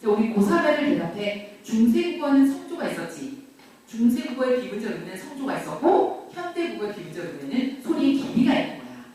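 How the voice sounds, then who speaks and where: A middle-aged woman teaching grammar to a classroom, lively, quizzing and teasing her students. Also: fairly high pitch, a little fast. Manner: lively, questions and teases students. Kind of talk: classroom lecture. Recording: very echoey classroom from far off.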